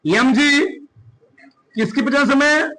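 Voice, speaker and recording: A man teaching a class, firing short questions at his students one after another. His voice sits very high and rings bright and forceful. He drills the class in a lively, commanding way. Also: slight background noise, rough recording. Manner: quizzing students with rapid questions. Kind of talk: classroom chemistry lesson.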